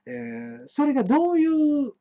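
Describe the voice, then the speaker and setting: A man hosting an internet talk show rambles through a solo monologue, telling stories in a Kansai Japanese accent. His pitch is lively, his speed normal, and his voice has vocal fry. He's chatty, stammering often with restarts and fillers, and the live-stream audio sounds muffled.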